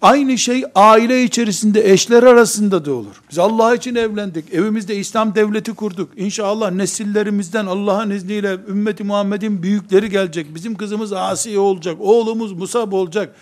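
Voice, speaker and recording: High-voiced male preacher, emphatic. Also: fairly quick, hardly any pauses. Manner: emphatic, rhetorical, acts out quoted believers. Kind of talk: sermon.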